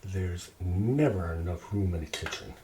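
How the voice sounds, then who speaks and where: A low-voiced man from Quebec, Canada hosts an ASMR-style cooking video in his home kitchen, chatting casually and unhurriedly. He talks to himself and asks viewers questions. The mic is distant, with clear noise and clicking sounds.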